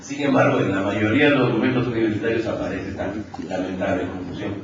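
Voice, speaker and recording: A man's voice: lowish voice, fast, background noise. A man with a Peruvian accent giving a university conference lecture, explaining step by step and often checking in with the audience. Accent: Peruvian Spanish. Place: large lecture hall. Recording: echoey hall, far off, dull lo-fi.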